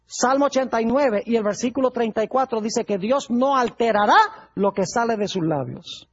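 A man's voice: extremely high pitch, moderate pace, muffled recording. A male pastor preaching a sermon, putting rhetorical questions to his congregation.

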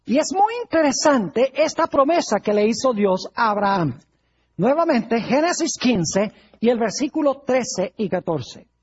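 A preacher with a husky, breathy voice tells Bible stories in a sermon and brings the quoted lines to life. The recording sounds dull and lo-fi. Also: medium pitch, measured pace. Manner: lively storyteller, acts out quoted lines.

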